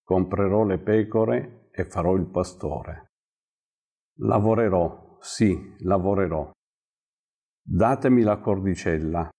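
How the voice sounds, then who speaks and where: A man's voice: sits low, slow, warm tone, slightly rough, heavily acted. Coeddu, a man reading a proud boastful shepherd boy. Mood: pleading. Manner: boastful, defiant. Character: proud stubborn young village shepherd boy. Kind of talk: storybook reading.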